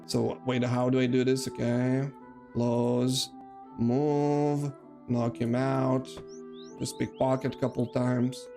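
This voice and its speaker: A Lithuanian streamer with a Lithuanian accent talks slowly in a flat, dark, medium-pitched voice over soft background music. He rambles loosely to his chat while gaming, poking fun at himself in this casual live-stream commentary.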